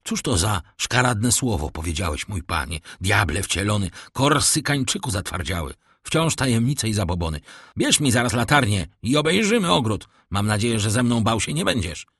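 A man's voice: fairly low pitch, sing-song, moderate pace, fairly bright tone, breathy edge, no room sound, clean studio sound, exaggerated voice. Man doing a cold commanding count. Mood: cold, ironic. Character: cool, commanding nobleman, ironic and composed. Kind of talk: audiobook character reading.

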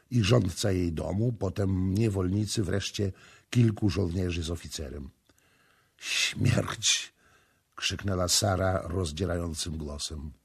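Slow, gravelly male narrator. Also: deep voice. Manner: slow, even storytelling. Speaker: audiobook narrator. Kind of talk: scripted narration.

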